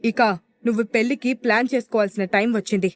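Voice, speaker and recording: A woman's voice: a little high, steady tone, quick pace, dry recording, close to an everyday voice. Pushy middle-aged mom, woman narrator voicing her, insistent and scolding, audio drama.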